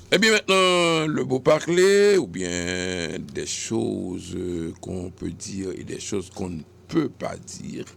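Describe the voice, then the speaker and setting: A Haitian-accented man hosts a radio language segment at an unhurried pace. His voice carries a gravelly, creaky texture. He explains and corrects expressions patiently, with small hesitations. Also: fairly low pitch, a little hiss or hum. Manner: didactic, correcting word by word, with hesitations. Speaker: radio host. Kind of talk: radio segment on French usage.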